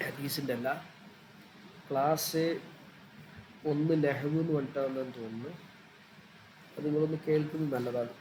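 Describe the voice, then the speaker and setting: A man's voice: medium pitch, steady tone, moderate pace, long pauses, darkish tone, a little hiss or hum, rough recording. A man teaching an informal online religious class, chatty and repetitive as he explains things step by step.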